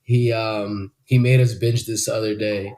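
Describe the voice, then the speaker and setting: A man's voice: on the low side, little pitch movement, unhurried, darkish tone. Rambling young man on a casual podcast. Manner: loose, rambling, swears a lot, many fillers. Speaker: podcast co-host. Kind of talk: casual chat.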